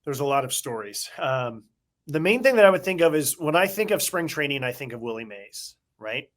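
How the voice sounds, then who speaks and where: A man's voice: on the high side, sing-song. A middle-aged man co-hosting a podcast, a former baseball beat writer, telling casual nostalgic stories in a reflective way. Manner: reflective, nostalgic, drawn-out anecdotes. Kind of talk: casual conversational storytelling.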